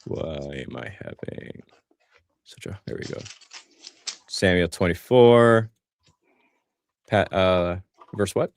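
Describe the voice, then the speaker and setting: A young adult man from Greece hosting a casual debate stream, talking fast and heated, cutting in over the other person. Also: deep voice, animated, a little hiss or hum. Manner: quick, heated, interrupting.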